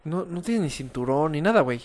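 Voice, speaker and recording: A man with a Mexican accent telling a story in a casual podcast chat, his voice often trailing off quietly. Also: a little high, expressive, fairly quick, a crowd in the background. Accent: Mexican Spanish.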